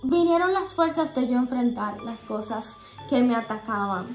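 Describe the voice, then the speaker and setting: High-pitched young woman sharing a faith testimony, earnest and halting, roomy echo. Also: lively intonation, soft background music. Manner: earnest, halting, many fillers and restarts.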